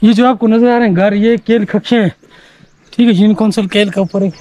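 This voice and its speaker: Climbing a mountain trail outdoors, a travel vlogger points out the scenery to viewers in casual hiking commentary, captured on a handheld camera. His voice is high yet dark in tone, fairly quick and fairly even in intonation.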